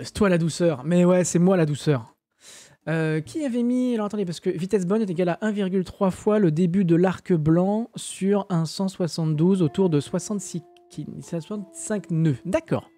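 Un streamer français sans accent qui commente un simulateur de vol en direct, lit le chat et plaisante, avec beaucoup d'hésitations. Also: male voice, high-pitched, warm tone. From France. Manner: chatty, joking, many hesitations. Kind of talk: live-stream flight sim commentary, reading chat.

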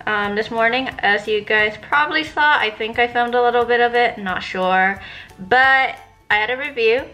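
A woman's voice: fairly high pitch, normal speed, pushed and bright, soft background music. A woman in her twenties, a nursing student, chatting casually to camera in a vlog, full of "like" and "um". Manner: chatty, filler-heavy, uses "like" a lot.

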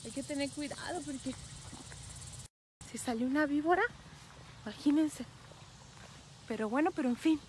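A woman's voice: sits high, normal speed, long pauses, noisy background. A woman truck driver, chatting casually with viewers on a live stream from a phone outdoors at a rest area, greeting them by name and laughing often. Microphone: phone held at arm's length.

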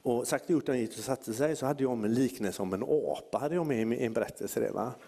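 A man's voice: medium pitch, gravelly, breathy edge, in a large hall. A man preaching, telling a story in a sermon and acting out the people in it. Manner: lively anecdotal preaching with acted-out quotes.

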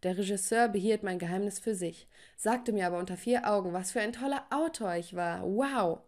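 A woman's voice: medium pitch, brisk, darkish tone. A woman telling a first-person story in a dramatic style, with sighing exclamations, over faint music. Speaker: narrator.

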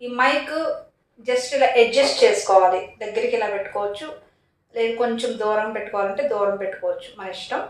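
A woman schoolteacher casually explaining and demonstrating a small clip-on mic to camera, in a plain, practical way. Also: fairly high pitch. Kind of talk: casual product demo to camera. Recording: roomy echo, mic set away.

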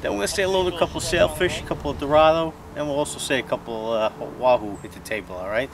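A man's voice: on the high side, very fast, crowd noise. A middle-aged man hosting a fishing vlog, chatty and joking, often tagging his lines with "all right?". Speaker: fishing show host. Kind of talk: casual vlog narration. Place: outdoors on a boat at sea.

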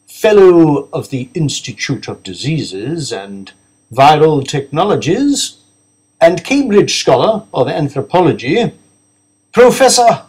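A man's voice: a little high, a little mellow, breathy edge, voice pushed up, full character voice, low-quality recording. A man voicing a formal master of ceremonies announcing a guest speaker.

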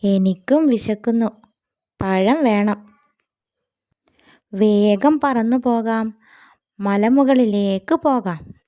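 Woman reading as a hungry little myna bird in a storybook: plaintive, mellow, slow. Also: on the high side. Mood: pleading. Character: small hungry female myna bird, pleading.

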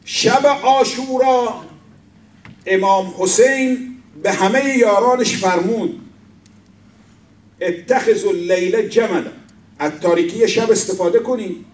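Male preacher, high voice, storytelling sermon, roomy hall, distant mic. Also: expressive, long pauses. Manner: storytelling, quoting figures with rising emphasis. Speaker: speaker at an Islamic center. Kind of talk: Persian religious sermon storytelling. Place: mosque hall. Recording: echoey hall, voice from far off.

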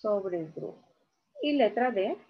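A woman teacher giving an online lesson, talking slowly and repeating key words syllable by syllable. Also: medium pitch, animated. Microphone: video call. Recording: dull video-call audio.

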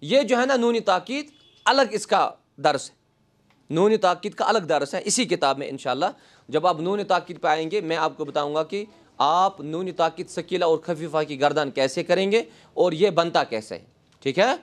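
A man with a fairly high voice teaches a grammar class. He puts questions to his students and answers them himself. He spells out the Arabic examples slowly before he translates them. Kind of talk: grammar lesson.

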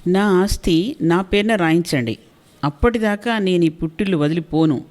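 An indignant middle-aged wife shouts her demands with stubborn defiance, voiced by a woman storyteller. This is a storybook reading in which she refuses to back down. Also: on the low side, normal speed, close to an everyday voice. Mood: defiant.

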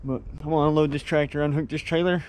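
A man's voice: on the high side, fast talker. Young guy talking thru his truck and welding work on a camera, laid back, lots of engine and shop noise. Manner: relaxed, rambling, talks while working. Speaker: farm vlogger. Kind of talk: casual first-person workshop vlog. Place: outdoors on a farm and in a workshop.

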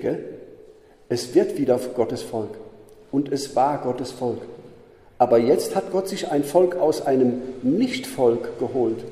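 A man's voice: mid-range voice, mellow. A man giving an emphatic Bible lesson, repeating points and checking in with short tag questions. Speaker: Bible teacher. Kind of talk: teaching talk. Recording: roomy echo with long reverb.

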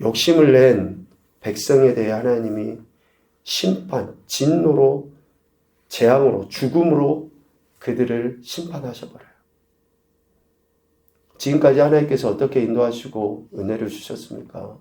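A male pastor preaching a sermon, asking the congregation rhetorical questions and swinging between loud emphasis and quiet asides. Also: medium pitch, unhurried, creaky, pauses often, echoey room. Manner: preaching with rhetorical questions and sudden shifts in volume. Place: church sanctuary.

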